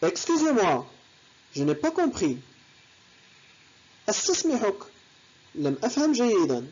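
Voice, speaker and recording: A woman teaching French, saying each phrase slowly and then translating it. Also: mid-range voice, sing-song, a little mellow, highs cut off, slight background noise. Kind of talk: language lesson, explaining in Arabic.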